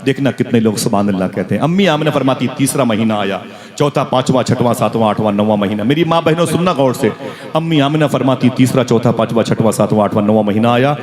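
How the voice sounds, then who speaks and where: A man's voice: medium pitch, fast. A male preacher telling a religious story dramatically in a sermon, calling on the gathering to respond. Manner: dramatic, calls for crowd responses. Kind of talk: emotional Islamic sermon storytelling. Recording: crowd noise at a live gathering.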